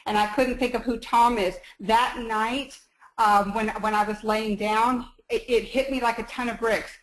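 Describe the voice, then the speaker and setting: A woman's voice: fairly high pitch, steady tone, normal speed, poor audio. A woman calling in to a live psychic show, speaking in a hesitant, grateful way with many restarts. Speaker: caller. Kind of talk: phone-in call.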